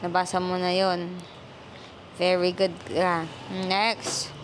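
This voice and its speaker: A woman's voice: lowish voice, completely flat delivery, slow. A Filipino woman teaching her child to read at home, patiently prompting and switching between Filipino and English. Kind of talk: home reading lesson. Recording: faint background noise.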